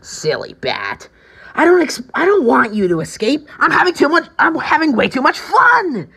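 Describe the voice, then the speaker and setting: A woman voicing a manic, taunting male comic-book villain clown, theatrical and raspy, with drawn-out, swooping delivery. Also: high-pitched, wildly swooping pitch, pushed and bright, pitched above the performer's own voice, exaggerated voice. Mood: gleeful taunting. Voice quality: raspy, strained. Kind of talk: amateur audition reading of video game villain lines.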